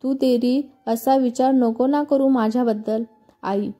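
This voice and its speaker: A woman's voice: high voice, fairly even intonation, unhurried, dark tone, faint music behind. A woman voicing a tearful young bride pleading with her mother, in a storybook reading.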